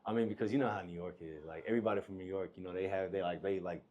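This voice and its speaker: Young male co-host, low voice, laid-back and chatty, Nigerian roots, raised in the South. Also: steady tone, racing, highs cut off. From Nigerian heritage, raised in the US South. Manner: laid-back, lots of "man" and "you feel me". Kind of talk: casual interview chat.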